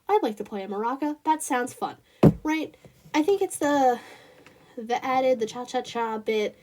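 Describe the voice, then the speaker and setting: A woman's voice: a little high, a little mellow. Rambling Southern US woman vlogger. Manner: rambling, lots of fillers and restarts; chatty, addresses viewers directly. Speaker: channel host. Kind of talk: casual review vlog.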